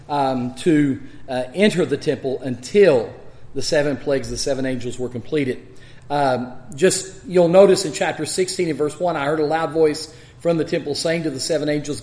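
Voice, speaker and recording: A man with a West Texas accent teaching the Bible in an expository style, measured and emphatic. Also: a little high, a little mellow.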